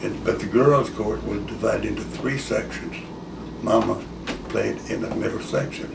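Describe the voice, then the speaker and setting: An elderly man telling a rambling grandpa story in casual, folksy, halting talk. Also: fairly low pitch, steady tone, vocal fry. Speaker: war veteran recalling his school days. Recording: echoey room, distant mic, loud hiss.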